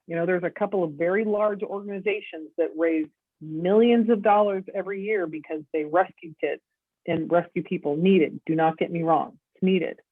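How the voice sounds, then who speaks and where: A woman's voice: on the low side, moderate pace, breathy edge, no echo. A middle-aged woman, a podcast guest, telling her story and acting out the dialogue as she goes. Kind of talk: storytelling interview. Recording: tinny dry phone-line audio.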